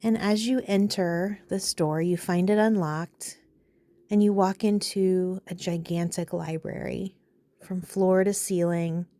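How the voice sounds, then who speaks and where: Pausing often between phrases, a woman leads a meditation in an unhurried, soothing, calm manner. Her voice is fairly low in pitch, and the recording has no echo.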